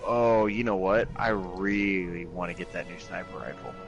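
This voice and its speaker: A man's voice: deep voice, moderate pace, creaky, highs cut off, music in the background. A man in casual gaming chat over a headset, tossing out wry reactions and short quips. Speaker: podcast co-host.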